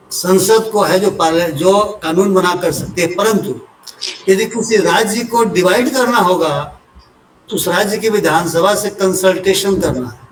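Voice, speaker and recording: An older man from Uttar Pradesh, a retired civil servant, explaining a topic in an unhurried lecture with homely examples and personal asides. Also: sits high, slight background noise. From Uttar Pradesh, India. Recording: roomy echo from a distant mic.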